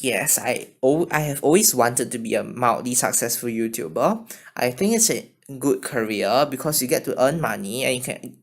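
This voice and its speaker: A man from China with a mixed Chinese and Singaporean accent, answering viewer questions in a casual vlog, hesitant and apologetic, recorded on a phone. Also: mid-range voice. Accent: mixed Chinese and Singaporean English. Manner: hesitant, halting, often apologetic.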